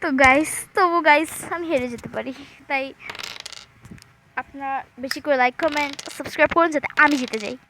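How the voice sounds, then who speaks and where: Chatty high-voiced woman gamer, hushed. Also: a little fast, slight background noise. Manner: talks quietly so as not to wake her sleeping parents; chatty, keeps addressing viewers. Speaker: gaming channel host. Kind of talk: chatty voice-over commentary on a mobile game. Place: room at home at night. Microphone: earphone mic. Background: game music.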